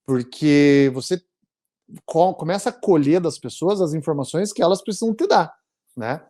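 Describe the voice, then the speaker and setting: A man in his forties with a Brazilian Portuguese accent, telling his story as an interview guest in a halting, earnest way with many restarts. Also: on the high side, expressive, warm tone. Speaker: interviewee, immigration client. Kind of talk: emotional conversational storytelling.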